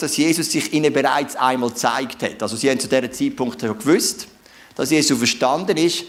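A man with a Swiss German accent delivers a sermon as a chatty retelling. His voice sits a little higher than most men's, and he keeps checking in with the listeners through rhetorical questions. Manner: conversational storytelling with rhetorical questions. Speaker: preacher.

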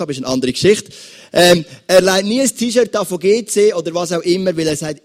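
Speaking with a Swiss German accent and a slightly high voice, a male pastor preaches, engaging his listeners with lively examples.

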